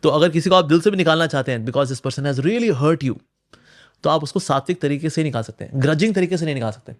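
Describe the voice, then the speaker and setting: A man answering in an interview, animated and explanatory, who often slips into acting out imagined inner voices. His voice sits fairly high. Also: quick pace. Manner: animated, acts out inner voices, mixes English phrases. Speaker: spiritual speaker.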